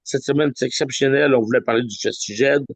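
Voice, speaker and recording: A man's voice: medium pitch, breathy edge, dry recording. Guy hosting a zoom, dry sound, stumbles a lot. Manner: halting, many fillers and restarts. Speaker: host of a weekly Zoom meeting. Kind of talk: informal presentation on a video call. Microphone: video call.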